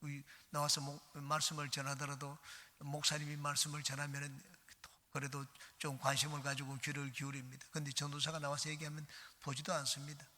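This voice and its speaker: A man's voice: a little high, completely flat delivery, brisk, pushed and bright. A middle-aged male pastor giving an earnest dawn sermon, reading scripture aloud. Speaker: senior pastor. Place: church sanctuary. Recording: church hall reverb.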